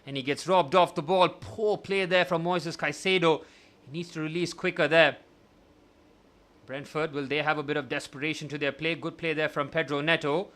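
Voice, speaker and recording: Young guy doing fan commentary on a live watchalong, kinda high tense voice, biased, goes from moping to yelling. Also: normal speed. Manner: partisan, swings from glum musing to excited shouting. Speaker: watchalong host.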